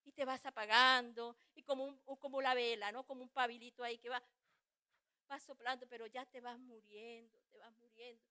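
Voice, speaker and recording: A middle-aged woman giving a fervent church testimony, pleading, swinging from hushed words to loud cries. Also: fairly high pitch, little pitch movement, a little fast, clean tone. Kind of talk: testimony sermon.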